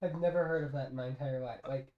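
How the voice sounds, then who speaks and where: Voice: medium pitch, steady tone, fast talker, phone-quality sound. A player in casual chat at a tabletop game, playful and given to theatrical outbursts. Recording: echoey room.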